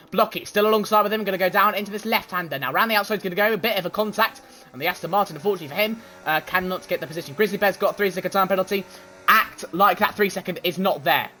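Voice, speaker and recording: A man giving excitable live commentary on a sim race and chatting with his viewers. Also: high-pitched, a little hiss or hum. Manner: excitable, swears when shouting, chats with viewers.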